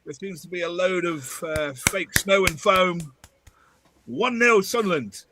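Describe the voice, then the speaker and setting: Lively man calling football play-by-play. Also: high voice, a little slow, background noise. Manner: animated play-by-play, jokey asides. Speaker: football watchalong co-host. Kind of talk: excited live match commentary.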